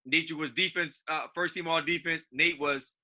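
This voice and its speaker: A man's voice: a little high, steady tone, moderate pace, pushed and bright. A man co-hosting a casual chat as a basketball coach, easygoing, laughing often and restarting his phrases.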